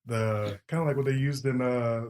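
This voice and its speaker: A man's voice: medium pitch, a little mellow, a little hiss or hum. A man co-hosting a podcast, chatting casually about films in a teasing, plainspoken way. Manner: teasing, plainspoken, quick-talking. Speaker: podcast co-host. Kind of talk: casual movie chat.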